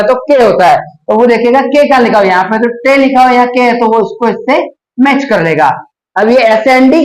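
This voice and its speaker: A man teaching a phonics lesson, explaining step by step and slowly sounding out letters and words. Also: extremely high pitch, echoey room, poor audio.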